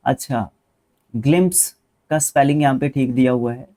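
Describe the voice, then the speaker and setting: Male tutor, mid-pitched and mellow, walks through spelling answers casually. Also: normal speed. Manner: spells out English words letter by letter; casual explaining, with fillers and self-corrections. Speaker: teacher. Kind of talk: explaining a spelling test.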